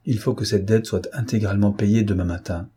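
A man voicing a proud, earnest noblewoman in a storybook reading, with a husky tone. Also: on the low side, fairly even intonation, brisk, warm tone.

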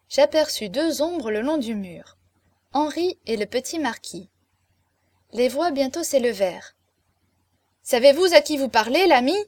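A woman reads a classic novel in the first person with measured, expressive delivery. Her voice sits fairly high for a woman. The recording is dry and close, with no room sound. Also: dry recording. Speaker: audiobook narrator.

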